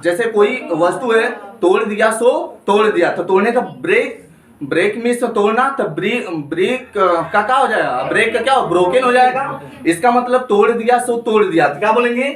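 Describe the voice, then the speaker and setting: A man with a high voice teaches a grammar lesson, asking the same question again and again and answering it himself. He sounds set back from the mic in an echoey room. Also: fairly bright tone, far from the mic. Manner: repetitive question-and-answer drilling. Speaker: spoken English teacher.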